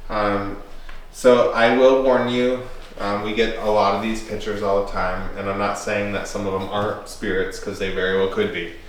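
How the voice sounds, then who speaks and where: Male tour guide, informal and deliberate, explaining things in a large reverberant interior. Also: lowish voice, flat delivery. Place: large indoor castle rooms. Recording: echoey room with faint noise.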